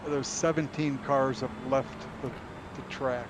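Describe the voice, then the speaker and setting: A man chatting casually and in a low-key way during a sim race. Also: fairly even intonation, takes it slowly. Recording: loud vehicle noise behind. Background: race car engine noise.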